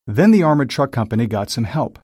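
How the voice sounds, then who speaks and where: A man narrating a simple story in a slow, clear, scripted reading style. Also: medium pitch, big pitch swings, darkish tone, no room sound, clean studio sound.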